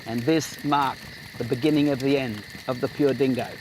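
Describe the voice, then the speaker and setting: A man's voice: mid-range voice, fairly even intonation, normal speed, noisy background. A man presenting outdoors in an easygoing way and chatting to his dog. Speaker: wildlife presenter. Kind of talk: presenting to camera.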